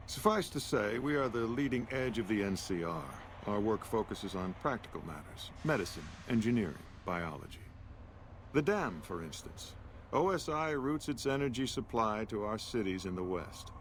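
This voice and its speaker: A man's voice: mid-range voice, natural voice. A man playing a pompous, condescending scientist in a video game, speaking formally and talking down to the listener. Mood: self-important. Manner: pompous, formal, rhetorical diction. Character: pompous, condescending male scientist, director of operations. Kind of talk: video game character dialogue. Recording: noisy game audio with background ambience.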